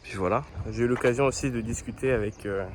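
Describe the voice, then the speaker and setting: A man's voice: medium pitch, fast talker, a little hiss or hum. A young man talking to the camera as he walks a seaside town, chatty and upbeat as he tells his travel story. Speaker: travel vlogger. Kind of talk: casual travel vlog narration to camera. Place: outdoors on a seaside town street.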